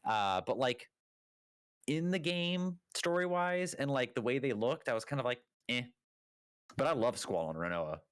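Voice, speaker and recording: Animated and medium-pitched, a man co-hosts a podcast at a moderate pace, chatting loosely with many fillers and self-corrections. His tone is clean, and the studio audio carries no room sound.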